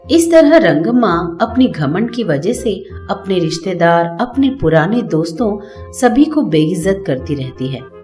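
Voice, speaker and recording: Brief: female narrator for a moral children's story, steady storytelling voice. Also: mid-range voice. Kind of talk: scripted bedtime-story narration.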